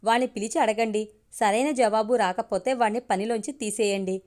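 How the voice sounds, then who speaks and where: A firm older father-in-law who settles a dispute decisively, read by a woman. The voice sits a little high. It is a spoken storybook. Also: fairly even intonation, normal speed, darkish tone, close to an everyday voice.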